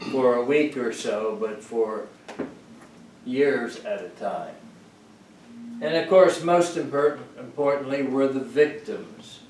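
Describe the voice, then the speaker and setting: An older man giving a reflective sermon to a congregation, speaking in a slow, measured and earnest way with pauses between phrases. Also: medium pitch, slight background noise. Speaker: guest speaker at a congregation service. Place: sanctuary of a congregation. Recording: roomy church sound from a distance with faint ambience.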